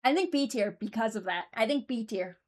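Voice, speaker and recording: A woman hosts a video ranking voicelines, giving casual, opinionated commentary as she muses aloud. Her voice is fairly high, animated and darkish in tone, and she talks briskly in an informal way.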